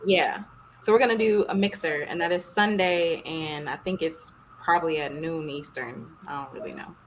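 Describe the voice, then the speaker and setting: A woman hosting a casual podcast livestream, lively and teasing, often laughing. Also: low voice, normal speed, slight background noise, poor audio. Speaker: podcast host.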